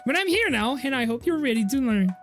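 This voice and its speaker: A woman's voice: sits high, sing-song, faint music behind. A woman as a frazzled little dog professor. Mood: fussy. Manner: hurried, apologetic lecturing.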